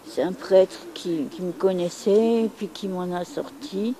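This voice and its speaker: A woman's voice: medium pitch, unhurried, mellow, rough recording. A middle-aged woman from France speaking frankly and bluntly about her past, repeating herself for emphasis. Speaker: interviewee. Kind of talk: candid testimony.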